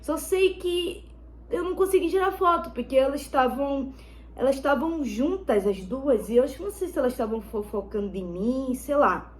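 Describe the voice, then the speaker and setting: A high, youthful girl's voice chatting into her phone as she does her makeup. She rambles and circles back to the same points, calling out to her viewers every few lines. The talk is loose and casual, the way a personal vlog sounds. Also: animated, normal speed, a little hiss or hum. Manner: rambling, repeats herself, keeps addressing viewers as "gente". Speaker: vlogger. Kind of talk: casual storytelling while doing makeup.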